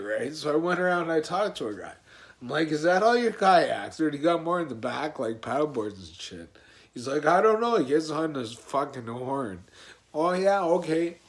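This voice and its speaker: A man in a casual video blog, venting about his day in a profane, rambling, heated way. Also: fairly high pitch. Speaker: vlogger.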